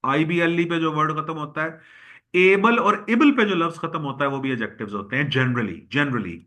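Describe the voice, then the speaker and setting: A male teacher works through a vocabulary list, drilling each word by saying it again and again. His voice is bright and forceful, and he talks to his class as boys and girls. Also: on the high side, animated, moderate pace. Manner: drills words by repeating them; addresses students as boys and girls. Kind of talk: recorded lecture.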